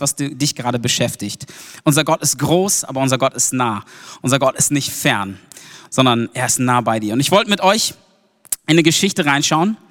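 A man from Germany preaches a casual sermon with lively, slangy interjections. His voice sits a little high, and a long hall reverb trails behind each phrase.

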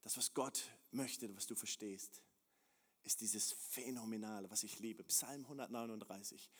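A man preaching a sermon as pastor, moving between hushed prayerful passages and loud, climbing emphasis, repeating phrases in a building rhythm. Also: fairly low pitch, a little slow, slightly rough. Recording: long hall reverb.

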